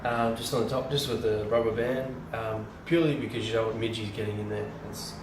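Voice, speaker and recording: The home brewer talks a little fast in a fairly low voice with fairly even intonation, rambling through a casual how-to full of ums and restarts. His camera sits at a distance, giving a roomy sound with background noise.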